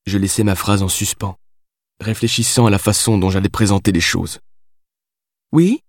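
A man reading a novel aloud as audiobook narrator, in a measured storytelling manner. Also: low-pitched, fairly even intonation, no echo, studio quality. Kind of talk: scripted narration.

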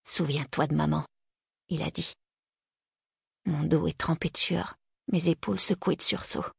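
A woman narrating a novel in the first person, tense and hushed in narration and livelier in dialogue. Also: sits low, steady tone, normal speed, creaky, breathy edge, dry recording, clean studio sound. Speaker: audiobook narrator.

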